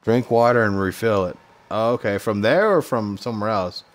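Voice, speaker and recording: Recording himself playing, a US gamer with a fairly low voice speaks at a normal pace, tossing off short, slangy thoughts as casual commentary.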